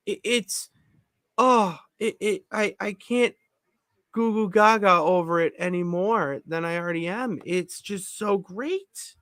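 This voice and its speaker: Excitable rambling male podcast co-host. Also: high voice, measured pace, clean tone, dry recording, studio quality. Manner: excitable, rambling with many restarts. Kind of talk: casual chat. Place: home basement.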